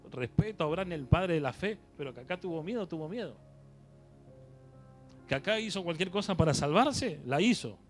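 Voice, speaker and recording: Male preacher, Rioplatense accent, chatty sermon with call-and-response questions, faint music bed. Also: high-pitched. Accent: Rioplatense Spanish. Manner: conversational, quizzes the congregation.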